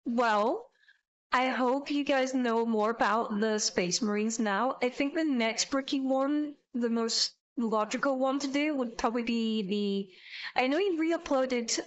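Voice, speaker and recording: Casting: female streamer, higher-pitched, informal reaction chat, blunt and sweary. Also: a little slow, lo-fi sound.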